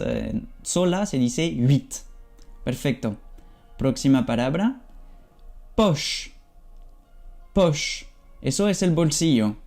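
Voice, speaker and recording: A man, teaching a language lesson and slowly repeating example phrases for learners. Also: mid-range voice, mellow. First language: French. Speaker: French teacher.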